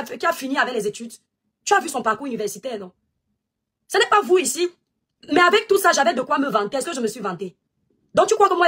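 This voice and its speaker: A woman speaking fires off a scornful, taunting rant at a rival. Her voice sits high and a little husky. She races through her lines without letting up. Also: a bit bright. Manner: taunting, mocking, insistent. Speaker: online personality answering a rival. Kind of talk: combative rant addressed to a rival.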